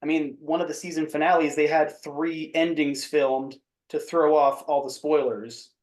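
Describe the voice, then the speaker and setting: A man hosting a podcast, relaxed and quick to react with laughs and agreement. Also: fairly high pitch. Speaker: podcast host. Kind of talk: casual chat. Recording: echoey room.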